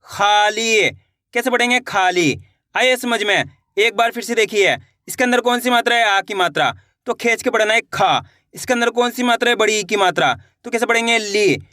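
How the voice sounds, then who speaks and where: A man gives an online reading lesson in a bright, clear-edged voice. He sounds out letters slowly one by one, then joins them into a word in a lower voice. The sound is close and dry, with no room around it. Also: no echo. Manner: encouraging, asks learners questions. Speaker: Hindi reading teacher.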